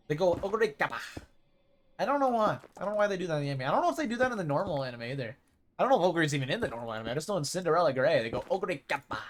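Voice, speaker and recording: A streamer rambling and thinking aloud over live gameplay in casual chat. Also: medium pitch.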